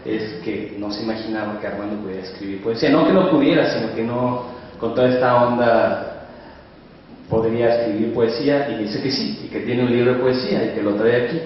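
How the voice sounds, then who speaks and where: Man moderating a talk, mid-pitched, meandering questions, heard from a distance in a reverberant room with faint hiss. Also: brisk. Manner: hesitant, rambling phrasing. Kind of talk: casual questions to a guest. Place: reading hall with audience. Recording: distant echoey hall, muffled, faint hiss.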